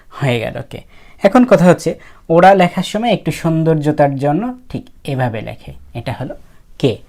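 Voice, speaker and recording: A woman's voice: sits low, mellow. A woman teaching how to write characters, explaining casually and thinking aloud as she goes. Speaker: language teacher.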